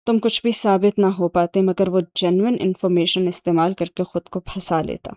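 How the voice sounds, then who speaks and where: A woman's voice: on the low side, steady tone, darkish tone, no echo, natural voice. A woman reading an audiobook and voicing a sardonic young man who explains his schemes with dry sarcasm. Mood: wry. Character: sharp, sardonic young man, ex-agent uncle.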